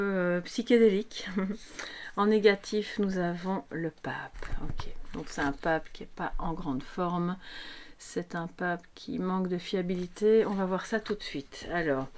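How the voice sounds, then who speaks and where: A woman's voice: lowish voice, darkish tone. Chatty woman giving a tarot reading. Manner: chatty and affectionate, addressing viewers directly. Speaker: tarot reader. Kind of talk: casual live tarot reading. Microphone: microphone on the table.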